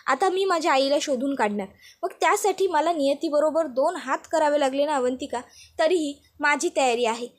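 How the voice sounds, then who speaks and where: A woman's voice: high-pitched, moderate pace, close to an everyday voice. A woman voicing an earnest, pleading young daughter-in-law in a retold serial. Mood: determined. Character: tearful young daughter-in-law searching for her mother.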